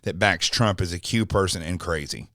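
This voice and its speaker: Indignant low-voiced male podcast host. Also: moderate pace, a bit bright, no echo, studio quality. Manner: indignant, mocking, digressive. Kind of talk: opinionated commentary.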